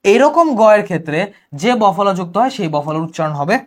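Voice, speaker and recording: A young man with a Bangladeshi Bengali accent, teaching an online exam-prep lecture, briskly explaining rules and answering imagined student questions. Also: sits high, big pitch swings. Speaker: exam tutor.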